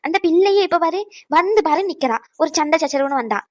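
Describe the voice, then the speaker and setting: A woman's voice: sits high, expressive, a little fast, no room sound. A woman voicing a caring but outspoken old grandmother in a cartoon, scolding and lecturing protectively. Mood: rousing. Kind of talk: cartoon voice acting.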